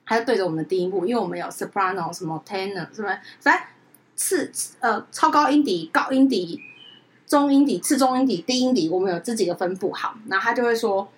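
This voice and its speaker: A woman's voice: mid-range voice, fast talker, low-quality recording. A woman co-hosting a podcast who chats casually and rambles through anecdotes. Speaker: podcast co-host. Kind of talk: casual chat.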